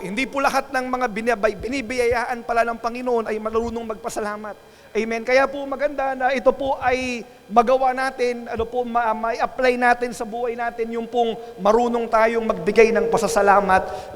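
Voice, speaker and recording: A man's voice: extremely high pitch, fairly even intonation, moderate pace. A man with a Filipino accent preaching a sermon as pastor, switching between languages and often calling on the congregation for an amen. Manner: call-and-response preaching, repeatedly asking for an amen. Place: church. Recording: echoey church with long reverb.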